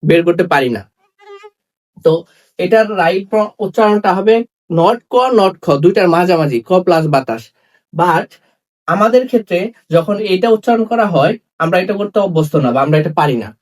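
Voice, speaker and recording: A man teaching a spoken English lesson, saying each letter slowly and repeating sounds several times. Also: high-pitched, lively intonation. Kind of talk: classroom lesson.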